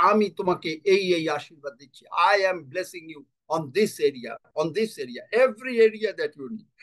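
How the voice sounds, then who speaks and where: At a church service, a man preaches a bilingual sermon slowly and emphatically, repeating key phrases and translating himself between the two languages. His voice sits high with a fairly bright tone.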